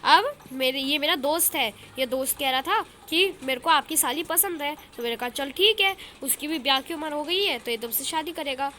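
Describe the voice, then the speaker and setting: A woman's voice: sits high, moderate pace, hardly any pauses, sharp tone, a little hiss or hum. Teasing brother-in-law, as a woman voices him. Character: joking brother-in-law, man.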